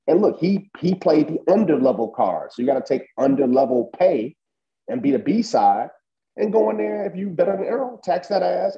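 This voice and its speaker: Animated man in casual sports talk. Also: a little high, gravelly, highs cut off. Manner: animated, emphatic, heavy use of fillers. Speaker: boxing podcast co-host.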